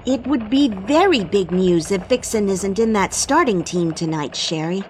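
A woman's voice: mid-range voice, expressive, normal speed, slight background noise, natural voice. A woman playing an earnest Christmas elf who anchors a scripted radio newscast. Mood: earnest, newsy. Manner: earnest, newsreader delivery. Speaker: news anchor.

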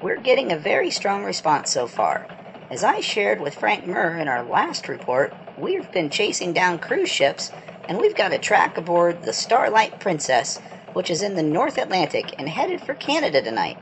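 A woman playing an eager elf field reporter in a mock radio newscast, reporting briskly and excitedly. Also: lowish voice, slight background noise, low-quality recording.

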